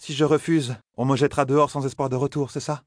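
A man's voice: mid-range voice, little pitch movement, quick pace, no echo, clean studio sound, voice pushed up, close to an everyday voice. A man voicing a fiery, frightened young woman in an audiobook, in a raised, tense voice. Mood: anxious. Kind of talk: audiobook character voice.

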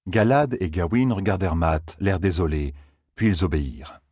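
Husky, low-voiced male narrator. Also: moderate pace, a little mellow, no echo, studio quality. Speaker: audiobook narrator. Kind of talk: scripted narration.

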